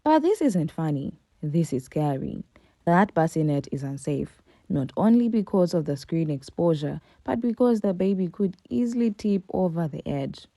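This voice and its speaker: A woman's voice: fairly low pitch, sing-song, moderate pace, warm tone, dry recording. A woman reading a scripted commentary voice-over, emphatic and full of rhetorical questions. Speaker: commentary narrator.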